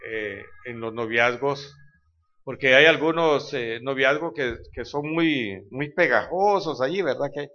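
Man, preacher, chatty informal sermon, folksy jokes, bright tense voice, muffled lo-fi recording. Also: medium pitch, a little slow. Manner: conversational, keeps asking "right?" to the congregation; folksy joking anecdotes. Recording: dull lo-fi recording.

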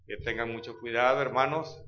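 A man's voice: mid-range voice, steady tone, brisk. A man preaching an informal sermon to his congregation. He talks conversationally, tells folksy joking anecdotes and keeps checking in with his listeners. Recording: dull lo-fi recording.

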